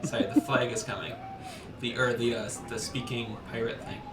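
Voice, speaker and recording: A man's voice: mid-range voice, level tone, moderate pace. A man co-hosting a live stream in casual chat, recorded roomy and away from the mic with noise behind him. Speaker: co-host running a live stream.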